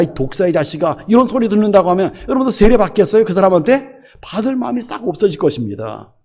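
Pastor guy preaching, high voice that jumps all over, keeps throwing questions at the crowd. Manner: animated, rhetorical questions to the congregation. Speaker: senior pastor. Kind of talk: sermon.

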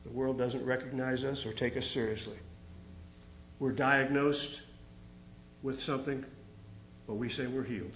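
This pastor, a middle-aged man, preaches at a wooden pulpit on a church stage, reading scripture with mounting fervor. His medium-pitched, fairly bright voice holds fairly even intonation at a measured pace, with frequent pauses. The pulpit microphone picks up a roomy hall and slight background noise.

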